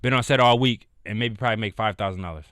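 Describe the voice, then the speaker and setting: A man from the United States, an actor guest on a podcast, chatting in a relaxed, rambling way with lots of restarts. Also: lowish voice, fast. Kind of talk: casual podcast chat.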